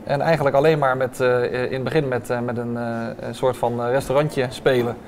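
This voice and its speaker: A restaurant owner in his thirties answers interview questions with lots of hesitant filler sounds, his medium-pitched voice flat and brisk. He's recorded on a lapel mic in a bright restaurant dining room, with slight background noise.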